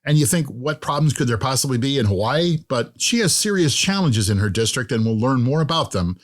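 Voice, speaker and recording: A male podcast host reads his intro in a friendly, folksy way, slipping in small jokes. His voice is mid-pitched and even for a man. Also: fairly quick. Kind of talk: scripted podcast narration and interview.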